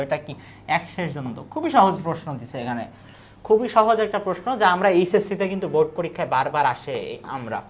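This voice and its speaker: A woman teacher works through an exam-prep lecture in a voice pitched a little low. She poses questions and answers them herself, repeating key words as she goes.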